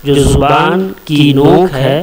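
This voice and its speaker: Man with teaching letters super slow, says each one a few times, kinda high voice. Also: darkish tone. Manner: explains mouth positions step by step. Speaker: Arabic teacher. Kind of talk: slow alphabet lesson.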